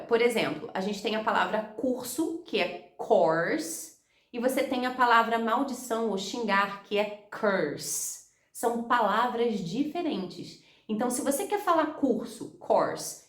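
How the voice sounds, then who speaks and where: A young woman from Brazil with a Rio de Janeiro accent, teaching English test tips directly to the viewer and modeling English phrases slowly. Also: mid-range voice. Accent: Rio de Janeiro Portuguese. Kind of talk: explaining IELTS speaking tips to camera. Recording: echoey room.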